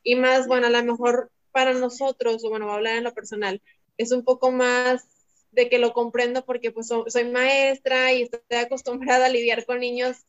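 A woman's voice: fairly high pitch, flat delivery, normal speed. A woman, a teacher and mother chatting casually as a podcast guest and telling anecdotes with light laughs. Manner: talkative, tells anecdotes, laughs lightly while speaking. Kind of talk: casual conversation. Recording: dull lo-fi audio.

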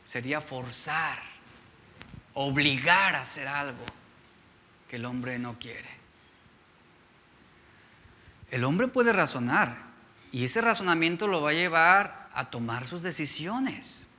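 Guy preaching a sermon, high lively voice, super bright, keeps asking the crowd questions. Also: unhurried, a little hiss or hum. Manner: preaching with rhetorical questions to the congregation. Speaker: pastor.

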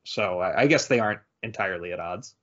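A man's voice: sits low, fast, a bit bright. Guy musing on a podcast, lots of restarts, kinda muffled sound. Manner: thoughtful, hesitant with many restarts. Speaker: podcast co-host. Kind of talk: casual discussion of a game. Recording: dull lo-fi audio.

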